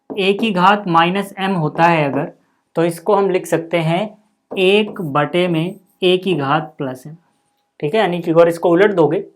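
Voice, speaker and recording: A man teaching a school maths lesson, patient and step by step, checking in often with the class. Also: on the high side.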